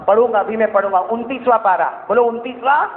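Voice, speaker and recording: A man's voice: very high voice, heavy background noise. A man preaching a sermon, telling a story with passion and calling on the crowd to answer him. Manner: impassioned, calls on the crowd to respond. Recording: echoey hall over a lo-fi phone-like line.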